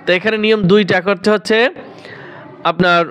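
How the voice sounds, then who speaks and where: A man teaching Quran recitation to learners. He spells words out letter by letter in Bangladeshi Bengali, then chants them in a drawn-out recitation. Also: high voice, steady tone, a bit bright, clear, resonant tone.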